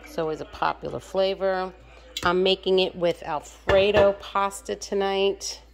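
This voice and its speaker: In a mid-range voice with fairly even intonation and some vocal fry, an American home cook vlogger talks through her meal prep step by step, speaking a bit slowly. She's at home in her kitchen, keeping the narration casual.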